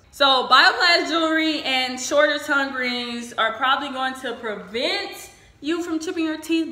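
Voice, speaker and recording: A woman's voice: a little high, bright, forceful tone. A woman chatting informally and frankly, giving casual advice as a vlogger. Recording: echoey room.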